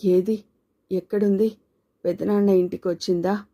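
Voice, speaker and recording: A woman voicing an aging mother who is blunt, scolding and quick to anger, in an audiobook story. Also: mid-range voice, flat delivery, dark tone. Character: aging mother, fierce and grieving widow-like matriarch.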